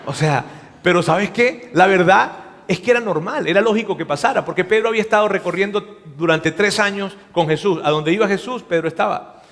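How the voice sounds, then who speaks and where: A male pastor preaching a sermon, telling the story in an animated way and acting out the dialogue. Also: high-pitched, fairly quick. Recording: long hall reverb.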